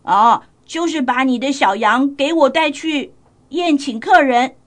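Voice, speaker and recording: A woman's voice: sits high, unhurried. A woman voicing a bossy, hot-tempered male king in a children's storybook tale, with a commanding, blustering manner. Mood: demanding.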